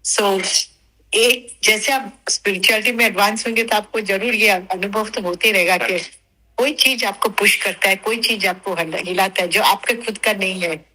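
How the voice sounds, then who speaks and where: A woman's voice: medium pitch, steady tone, moderate pace, bright, forceful tone, poor audio. A woman taking part in a group discussion, sharing childhood memories and reflections thoughtfully. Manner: reflective, mixes English words. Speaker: participant.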